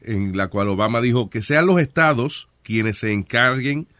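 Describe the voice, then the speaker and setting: A man's voice: medium pitch, moderate pace, dry recording. A man hosting a casual talk show, joking and mixing with English. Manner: joking, mixes Spanish and English, lively. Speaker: host.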